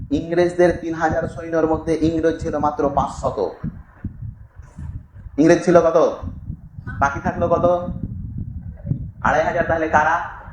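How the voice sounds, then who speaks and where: Emphatic preacher with an echoing voice. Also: male voice. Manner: rhetorical questions, emphatic swells in pitch and volume. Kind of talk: sermon-style history talk. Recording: echoey room, faint noise.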